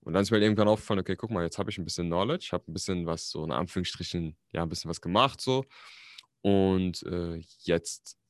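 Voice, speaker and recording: A man, a podcast guest talking casually, relaxed and slangy, with English words mixed in. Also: low voice, fast, no room sound. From Germany. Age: 20s. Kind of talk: casual interview chat.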